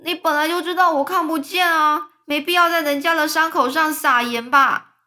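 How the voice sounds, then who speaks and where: A woman's voice: high voice, moderate pace, pitched above the performer's own voice. A woman voicing a gloomy, complaining blind earthworm in a storybook reading, whining and panicky. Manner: whiny, panicky, shouts in protest.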